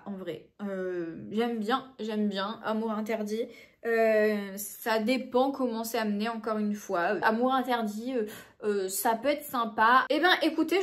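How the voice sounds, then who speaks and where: A woman in her late twenties, a book vlogger chatting casually to camera and thinking aloud with lots of fillers. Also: on the high side. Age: late 20s.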